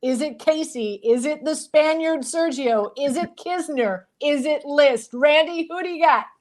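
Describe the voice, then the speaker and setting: A woman hosting a sports betting panel, briskly quizzing her guests on their picks. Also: sits high. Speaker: host.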